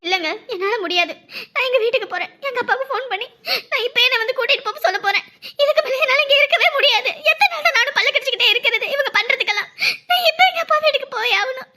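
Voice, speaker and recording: A woman's voice: very high voice, lively intonation, rapid-fire, sharp tone, full character voice. A woman voicing a proud young daughter-in-law who protests at being treated like a servant. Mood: upset. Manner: upset, protesting.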